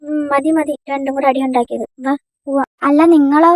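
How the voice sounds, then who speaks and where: A young woman voicing a lively, quick-tongued female first-year student who squabbles with her friends in an amateur dubbed romance drama. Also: high voice, no room sound, natural voice. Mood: chatty. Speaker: fan dub voice actor.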